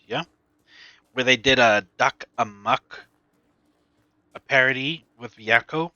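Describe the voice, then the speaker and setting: Rambling man streamer with a bright voice. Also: mid-range voice, dry recording, dull audio. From not from the US. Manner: rambling, halting, many fillers and restarts. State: speaking while eating. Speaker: game streamer. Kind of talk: casual stream chat.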